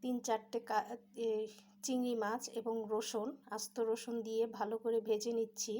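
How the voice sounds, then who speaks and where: A woman calmly narrating her home cooking step by step as host of a cooking channel. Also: on the high side, normal speed, slight background noise. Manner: calm step-by-step instructions.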